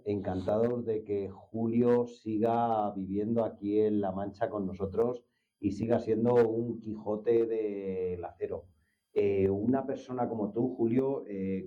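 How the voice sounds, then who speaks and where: A man's voice: lowish voice, narrow, tinny audio. A man hosting an interview, talking in an enthusiastic, admiring and colloquial way. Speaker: interviewer host. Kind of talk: conversational interview.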